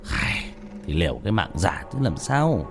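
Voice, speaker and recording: A stern, resigned old exorcist speaks in a low, grave, matter-of-fact voice, as the male narrator plays him. His pitch still moves a lot. Faint music sits under the tale. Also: sing-song, normal speed.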